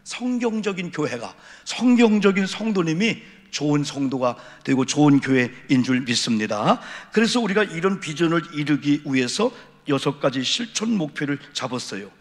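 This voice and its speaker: A man's voice: on the high side, sing-song, moderate pace, hardly any pauses. A middle-aged man preaching an evening sermon as a senior pastor in a church sanctuary, with emphatic repeated refrains and rhetorical questions. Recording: echoey church hall reverb.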